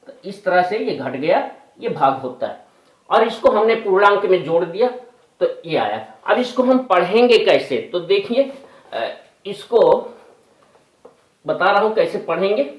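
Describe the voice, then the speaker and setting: A man's voice: high-pitched, lively intonation, a little slow. A man teaching a maths lesson step by step, patient, going back over the steps and correcting himself aloud. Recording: echoey room, voice from a distance.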